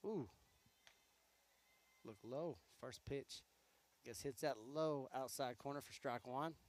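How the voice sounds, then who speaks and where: A man calling high school softball play-by-play, easygoing and chatty between pitches, his voice going hoarse. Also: slow. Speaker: play-by-play announcer.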